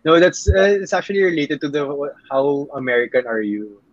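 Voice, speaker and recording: Young Filipino man, chatty guest, giggly and rambling, slightly high voice, dry dull recording. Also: expressive, a little fast, dry recording. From Philippines. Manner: giggly, rambling, code-switching. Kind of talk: casual chat.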